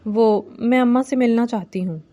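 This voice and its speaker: A woman's voice: on the high side, warm tone, dull audio, lightly acted. Woman reading as a timid young bride. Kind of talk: novel reading.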